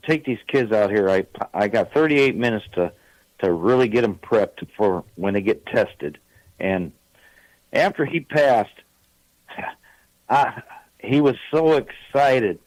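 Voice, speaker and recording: A man's voice: lowish voice, no room sound, rough recording. A man in his sixties calling in to a radio show, telling long, rambling stories full of fillers. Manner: rambling, chatty storytelling with many fillers. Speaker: caller. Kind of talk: casual call-in chat.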